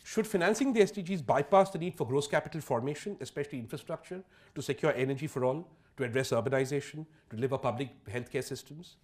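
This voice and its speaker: A man's voice: medium pitch, quick pace, hardly any pauses, a little mellow. A man giving a public lecture on economics, emphatic and wry, full of rhetorical questions.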